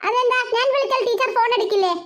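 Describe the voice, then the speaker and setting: A woman's voice: very high-pitched, fast. A woman voicing a bossy big sister in a cartoon, teasing and know-it-all. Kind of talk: cartoon voice acting.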